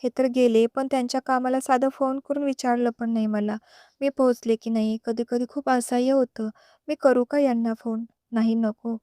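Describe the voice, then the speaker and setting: A woman reading a storybook voices a lonely young wife who speaks in a soft, pleading way. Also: fairly high pitch, fairly even intonation, moderate pace, smooth, dry recording, clean studio sound, close to an everyday voice. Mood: plaintive.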